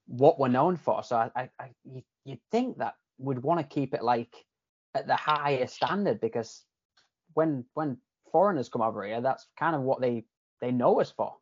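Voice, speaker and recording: A podcast guest from England, this man has a Yorkshire accent with a Canadian tinge picked up along the way, and a mid-range, slightly rough voice. He's animated and talks at a normal speed in a loose, chatty manner, restarting sentences and swearing now and then in casual conversation. The recording has no echo and sounds dry and a little muffled.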